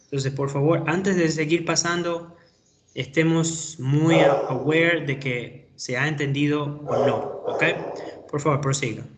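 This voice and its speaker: A middle-aged man with an Ecuadorian Spanish accent, giving feedback to students in an online class, slow and explanatory with many hesitations. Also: fairly high pitch, fairly even intonation, noisy background. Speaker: English teacher.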